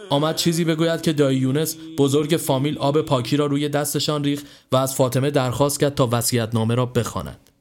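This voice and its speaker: A man narrating a scripted horror story in a measured, even storytelling voice. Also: medium pitch.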